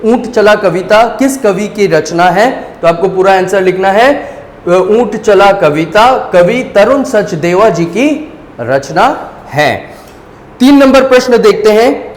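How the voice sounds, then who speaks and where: A male teacher giving a patient lesson, asking questions and answering them himself, repeating key words slowly. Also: high voice. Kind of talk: classroom-style lesson. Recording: echoey room with long reverb.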